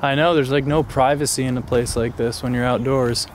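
A man's voice: medium pitch, fairly quick, slight background noise. Young man chatting while exploring. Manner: relaxed, chatty, narrates finds. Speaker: urban explorer host. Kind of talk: casual exploring chat. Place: abandoned housing complex, outdoors and in empty apartments.

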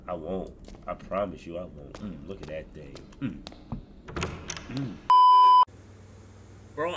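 A man's voice: mid-range voice, noisy background. A man in his twenties livestreaming a game, joking crudely and talking to his chat. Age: 20s. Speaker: streamer. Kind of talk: casual gaming livestream chat.

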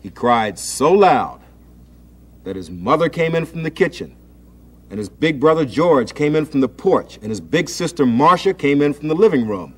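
A man hosting a children's TV show, gently and expressively reading a story aloud to children. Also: fairly high pitch, animated, moderate pace. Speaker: children's TV host.

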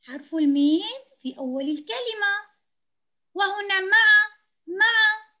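Speaking slowly and clearly in a very high-pitched, sharp voice, this woman patiently encourages young children as she teaches them to read. She is a kindergarten teacher giving an online reading lesson.

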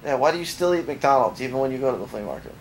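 A man's voice: mid-range voice, animated, racing. A man hosting a casual vlog outdoors at a theme park, talking into a handheld camcorder in a chatty, self-mocking way. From Florida. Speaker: vlog host. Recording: noisy outdoor camcorder audio.

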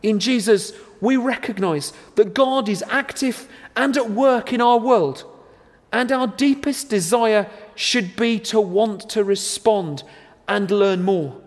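A man in his thirties delivering a sermon to camera in a measured, earnest, deliberate way. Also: high voice. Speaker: preacher. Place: large church interior. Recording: long church reverb.

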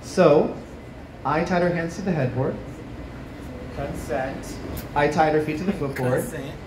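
A man in his thirties doing a stand-up comedy set into a handheld mic, animated, jumping to high yelps on punchlines, with an audience laughing. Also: a little slow. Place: small outdoor rooftop stage with plants. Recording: distant camera, roomy echo, noisy ambience. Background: live audience laughter.

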